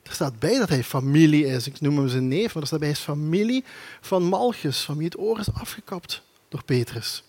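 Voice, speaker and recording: A man preaching a lively sermon, acting out the scenes as he tells them. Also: on the high side, normal speed. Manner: animated storytelling, acting out the scenes.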